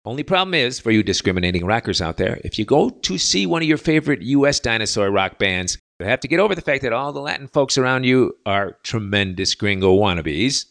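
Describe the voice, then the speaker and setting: A man's voice: medium pitch, expressive, fairly quick, gravelly, hardly any pauses, a bit bright. A man hosting a podcast, delivering a sardonic monologue in a mocking, sarcastic manner. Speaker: podcast host. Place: living in Latin America.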